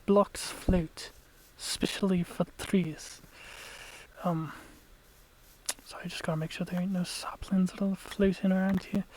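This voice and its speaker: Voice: medium pitch, steady tone, unhurried, darkish tone, a little hiss or hum, poor audio. A let's play gamer giving casual, chatty gameplay commentary, explaining tactics to viewers and sometimes dropping to a whisper.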